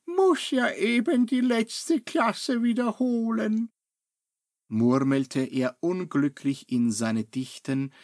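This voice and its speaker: Calm male narrator for a children's audiobook, extremely slow and dry, close sound. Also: medium pitch, no room sound. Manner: calm, very unhurried storytelling. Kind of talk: children's storybook reading.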